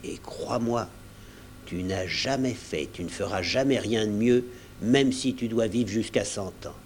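A man voicing an earnest middle-aged doctor who speaks urgently and gravely. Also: lowish voice, measured pace, a little hiss or hum, natural voice.

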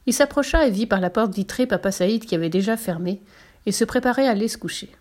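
A woman narrating a children's tale in a measured, expressive reading voice. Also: mid-range voice. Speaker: storyteller.

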